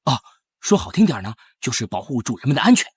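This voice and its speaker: A man's voice: mid-range voice, sing-song, fast talker, breathy edge, no room sound, studio quality. An actor playing a goofy young male house guard who is eager and bumbling and laughs nervously. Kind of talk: TV drama acting.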